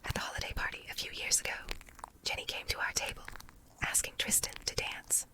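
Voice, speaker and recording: Woman in a doubled, layered whisper. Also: fairly quick. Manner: soft unvoiced whisper throughout. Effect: layered, doubled whisper track. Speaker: story narrator. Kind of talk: whispered ASMR story reading.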